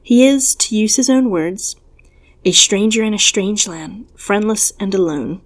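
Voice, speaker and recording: A woman reading a calm, formal husband. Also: medium pitch, unhurried, close to an everyday voice. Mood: formal welcome. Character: calm, courteous husband and host, adult man. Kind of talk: storybook reading.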